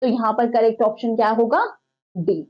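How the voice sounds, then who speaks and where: A woman's voice: a little high, moderate pace, highs cut off. A woman teaching an exam-prep lesson, putting questions to the class and then answering them herself. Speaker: Hindi teacher.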